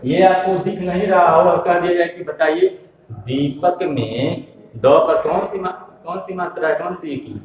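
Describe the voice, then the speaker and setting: A man talks through a beginner's lesson in a slow, patient way, spelling out each sound and answering his own questions. His voice sits a little high for a man and is picked up from a distance. It rings with heavy echo over a faint hiss. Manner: patient, repeats and spells out letters, asks questions and answers them himself. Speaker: primary school Hindi teacher. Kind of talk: slow step-by-step classroom lesson. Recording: echoey room, voice from a distance.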